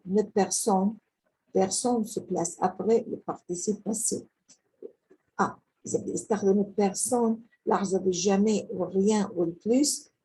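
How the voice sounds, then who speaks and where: A woman talks through a grammar lesson in a very husky, breathy voice. Her tone is dark and mellow. She explains casually and slows right down to spell out each French example. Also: medium pitch, rough recording. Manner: reads French examples slowly and deliberately, explains in casual dialect; frequent hesitations and restarts.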